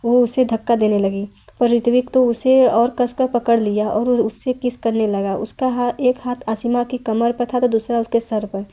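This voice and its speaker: Mellow-voiced woman reading a romance novel. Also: fairly high pitch, moderate pace. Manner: steady, plain reading with small restarts. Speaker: audio novel narrator.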